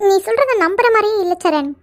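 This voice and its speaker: Squeaky chatty cartoon college girls. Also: animated, fast, no echo. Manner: chatty, teasing. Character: chatty teenage college girl friends. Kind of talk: cartoon voice acting.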